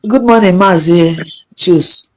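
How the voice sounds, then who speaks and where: A woman's voice: on the low side, slow, a little mellow. Agitated Nigerian Igbo woman calling in. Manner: agitated, repetitive. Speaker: caller. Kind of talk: impassioned call-in talk mixing languages.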